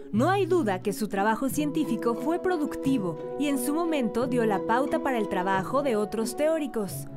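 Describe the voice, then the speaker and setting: A woman delivering scripted report narration. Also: high voice. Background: music.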